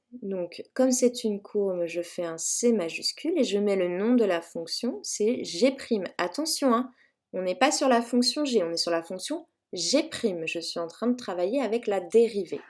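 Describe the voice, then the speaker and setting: A woman's voice: mid-range voice, darkish tone. A woman teacher walking students through a calculator math lesson, chatty and self-mocking, with frequent fillers as she explains each step.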